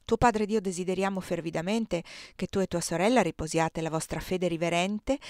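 A woman reading the lines of a gentle, pious mother in an audiobook. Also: lowish voice, no echo, studio quality, lightly acted.

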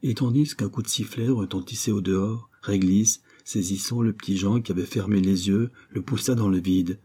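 A man reading a serial novel aloud as audiobook narrator, measured and literary. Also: lowish voice, warm tone, slightly rough. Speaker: audiobook reader.

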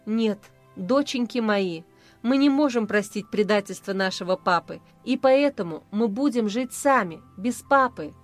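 A woman's voice: medium pitch, expressive, a little slow, faint music behind, lightly acted. A woman reading aloud, voicing a hurt young mother who speaks to her husband coolly and firmly. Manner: cool, firm, sorrowful.

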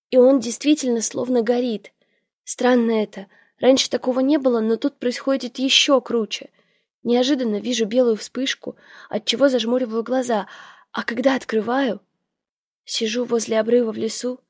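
A woman narrating a first-person novel in a lively, expressive way. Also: on the high side, slightly rough, no room sound, clean studio sound. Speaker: audiobook narrator.

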